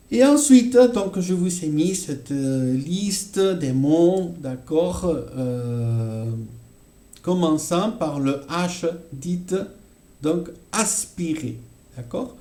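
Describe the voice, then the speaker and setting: A man teaching a French lesson, often checking in with his listeners and repeating example phrases slowly. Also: a little high, warm tone, reverberant. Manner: frequent check-ins with "d'accord?" and "voilà". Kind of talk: explaining a grammar lesson.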